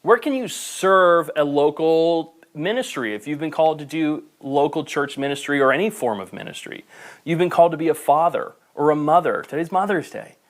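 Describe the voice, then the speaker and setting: A man preaching a sermon to a camera, impassioned, swinging between loud emphasis and soft, gentle asides. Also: on the high side, normal speed. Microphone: camera mic.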